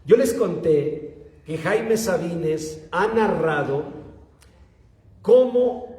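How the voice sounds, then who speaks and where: A man preaching a sermon to young people, telling stories and acting out the dialogue. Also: high-pitched. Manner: animated storytelling, acts out dialogue, addresses youth directly. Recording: echoey hall.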